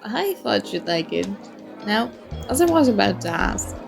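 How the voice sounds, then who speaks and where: Soft music and crowd murmur from a party bar surround a woman doing a one-sided ASMR roleplay as a charming, flirty stranger. Her mid-range, gravelly voice moves a little slowly with big pitch swings in a full character voice, playful, coy, teasing and mock-apologetic.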